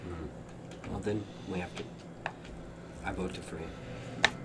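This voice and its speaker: A man's voice: deep voice, steady tone, slow pace. A man playing a tabletop role-playing game, talking casually with the other players. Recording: noticeable noise behind the voice.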